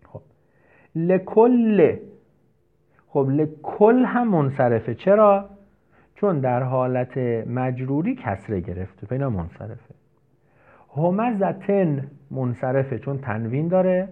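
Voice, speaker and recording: Guy teaching grammar, asks himself questions then answers, voice goes up and down a lot, phone-quality sound. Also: mid-range voice. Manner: explains step by step, asks and answers his own questions. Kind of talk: recorded grammar lesson. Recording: tinny phone-like audio.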